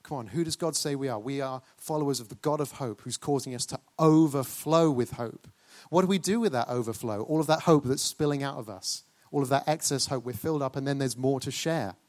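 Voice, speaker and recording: A man's voice: mid-range voice, brisk, few pauses, a little mellow. A man preaching a sermon, questioning and urging the congregation.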